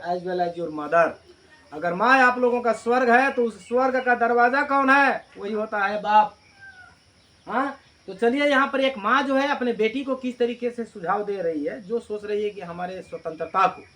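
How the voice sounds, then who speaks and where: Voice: mid-range voice, fairly bright tone. Teacher voice for a class lesson, emphatic and repetitive, quizzes the class and then answers. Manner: mixes Hindi with read-out English lines; emphatic, repeats key lines. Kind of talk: classroom poem explanation.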